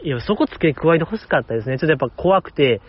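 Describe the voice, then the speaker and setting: A man's voice: a little high, lively intonation, rapid-fire, husky, muffled recording. A man with a Kansai accent hosting a solo fan podcast, chatting enthusiastically and poking fun at himself. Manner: enthusiastic, chatty, self-mocking. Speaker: podcast host.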